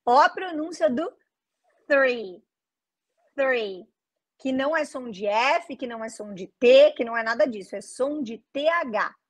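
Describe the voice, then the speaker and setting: A woman teaching English pronunciation online, slowly repeating English phrases and then explaining them in to her viewers. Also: sits high, expressive. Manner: addresses viewers directly with "gente" and "né".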